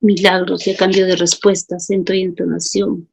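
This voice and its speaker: A woman's voice: on the low side, level tone, moderate pace, gravelly, a little mellow, breathy edge. A woman teacher leading a class, calling on students by name and reading out their answers. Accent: Peruvian Spanish. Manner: calls students by name, asks for justifications.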